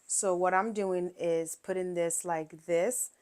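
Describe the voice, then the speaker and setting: A woman's voice: on the low side, fairly even intonation, takes it slowly, darkish tone. A woman hosting a quilting channel, casually talking through each sewing step, with frequent fillers and check-ins. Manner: chatty step-by-step explaining with fillers.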